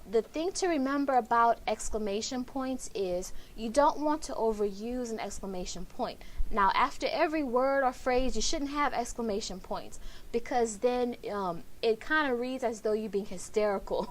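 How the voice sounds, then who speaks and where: A woman's voice: a little high, slight background noise. A woman writing instructor giving a recorded online lecture, explaining step by step and repeating key points.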